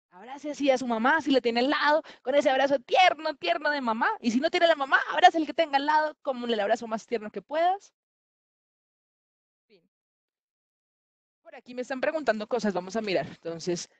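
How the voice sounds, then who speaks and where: Playful and animated, a woman with a voice on the high side livestreams a story reading from home, speaking directly to the children listening. The audio carries no room sound.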